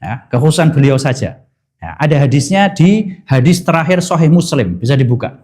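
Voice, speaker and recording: A man giving a mosque sermon. He recites Arabic slowly, translates it line by line, and puts questions to the congregation that he answers himself. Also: fairly high pitch, animated, darkish tone. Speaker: Islamic preacher. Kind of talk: mosque study-circle sermon.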